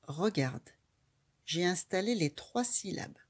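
A woman teaching a young child to read, sounding out syllables slowly and patiently. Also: fairly low pitch, expressive. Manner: slow, patient, spells out sounds one by one. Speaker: reading teacher. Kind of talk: slow phonics lesson for a young child.

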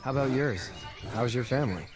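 An actor playing a shaken young survivor working on a farm fence, who talks in an earnest, troubled, confiding way. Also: male voice, medium pitch, a little fast, over music, close to an everyday voice. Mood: friendly.

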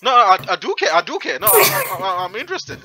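A man's voice: very high-pitched, huge pitch swings, fast talker, over music. A young man from Zimbabwe on a headset in a small room, teasing a stranger in casual video chat, stammering and swearing often.

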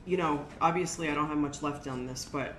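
Low, brisk and a bit bright, the voice belongs to an older shop owner teaching a craft workshop. She walks viewers through the steps plainly in a casual, chatty, practical way, addressing them as "guys." The indoor space has a brick wall, and the recording is roomy with faint background music.

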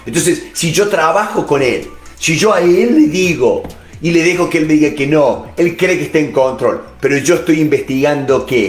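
A man's voice: medium pitch, reverberant. A middle-aged man with a Rioplatense Spanish accent, giving a motivational lesson on negotiation and addressing the listener directly with many filler words. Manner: direct second-person address, frequent "este" fillers. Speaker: negotiation instructor. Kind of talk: motivational lecture.

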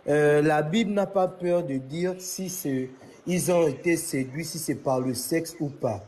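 A man's voice: a little high, unhurried, darkish tone. A man calling into a live religious debate speaks hesitantly, with many "euh" fillers. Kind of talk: casual call-in argument.

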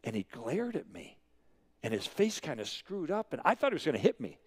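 A man's voice: on the high side, a little fast, slightly rough. A man in his sixties preaching a sermon, telling stories with emphatic, repeated phrases. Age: 60s. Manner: animated storytelling with emphatic repetition. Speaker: guest preacher.

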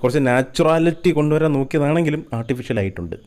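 A man's voice: fairly high pitch, animated, very fast, darkish tone. A man hosting a reaction video, giving teasing, mock-sympathetic troll commentary.

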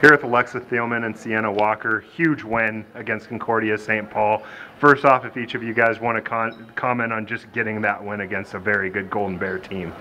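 Bright-toned man sports interviewer. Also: on the low side, fairly even intonation, a little fast, slight background noise, rough recording. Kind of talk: post-game interview questions.

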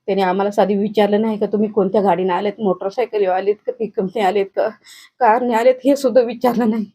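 A woman's voice: mid-range voice, fairly even intonation, quick pace, warm tone, husky. Grieving middle-aged woman. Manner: grieving, urgent, recounting in detail. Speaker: bereaved grandmother interviewed. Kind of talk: news interview testimony.

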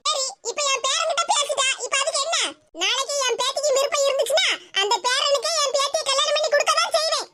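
A woman's voice: extremely high pitch, fast, bright, forceful tone, slight background noise, pitched above the performer's own voice. A woman voicing a stern, bossy old mother-in-law with a Tirunelveli Tamil accent, scolding and lecturing.

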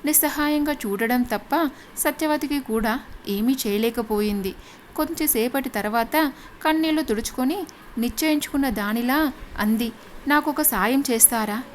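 A woman narrating a scripted story in a steady, expressive reading voice. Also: high-pitched, moderate pace, a little hiss or hum.

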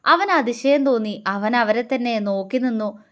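A woman storyteller narrating a family love story in a gentle, expressive reading. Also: on the high side, a little slow.

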